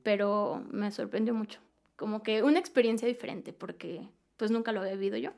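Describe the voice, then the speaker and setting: A woman's voice: medium pitch, a little fast, gravelly. Young Mexican woman, slangy and laughing. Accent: Mexican Spanish. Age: young adult. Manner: slangy, laughs often, animated storytelling. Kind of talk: casual chat.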